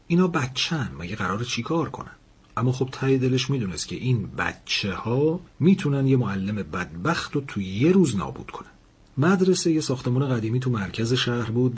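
A man's voice: fairly low pitch, breathy edge. A man telling a story aloud, narrating and voicing the people in it. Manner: lively storyteller, voices the characters in dialogue. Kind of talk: storytelling narration with character voices.

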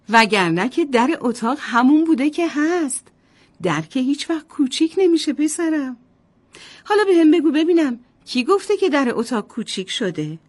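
A kind, cheerful mother from a bedtime storybook played by a woman. Her voice is fairly high and very lively, and it lilts up and down warmly in a storybook way. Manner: warm, lilting storybook voice.

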